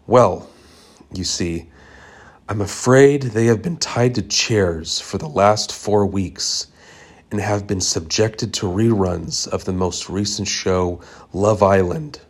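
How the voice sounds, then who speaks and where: Old great aunt voiced by a man, solemn, hesitant, drawn-out, pausing. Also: low voice, slightly rough, full character voice. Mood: grave. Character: elderly great aunt, sighing, grave and cryptic.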